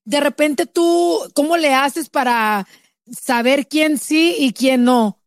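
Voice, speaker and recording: This is a woman from Chihuahua, hosting a podcast. Her voice is high and the recording is dry and close. She chats in a loose, slangy way. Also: slow pace, no room sound. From Mexico, Chihuahua. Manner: chatty, slangy, acts out quoted friends. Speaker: podcast host. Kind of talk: casual podcast interview.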